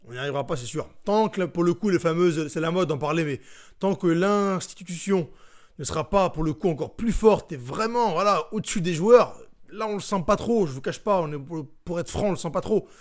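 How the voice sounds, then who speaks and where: A young man with a fairly high-pitched voice hosts a casual live stream, talking straight to his viewers. He reads their comments aloud and answers each one in a relaxed, chatty manner. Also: a little fast.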